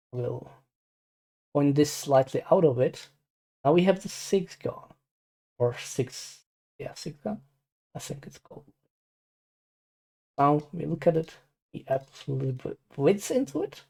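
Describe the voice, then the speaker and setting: A Czech man with a Czech accent gives a casual, unscripted screen tutorial as an amateur, rambling hesitantly, repeating words and apologizing. His voice is a little high, husky and darkish in tone, with vocal fry.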